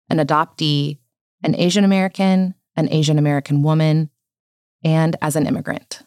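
A woman hosting a public radio program, reading a measured, formal scripted introduction. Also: deep voice, darkish tone, dry recording, studio quality. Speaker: radio show host. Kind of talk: scripted narration.

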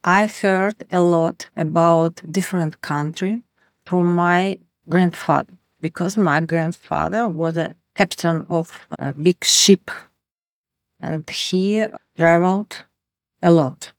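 A woman with a Ukrainian accent recounting her childhood in an interview, halting and searching for words. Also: on the low side, dry recording, studio quality. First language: Ukrainian or Russian. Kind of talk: interview storytelling.

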